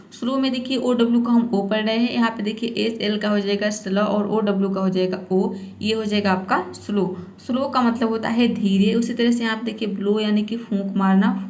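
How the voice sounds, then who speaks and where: A woman teaching English pronunciation rules step by step, often adding a quick "theek hai" to check in. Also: a little high, a little mellow, echoey room. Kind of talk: spoken phonics lesson.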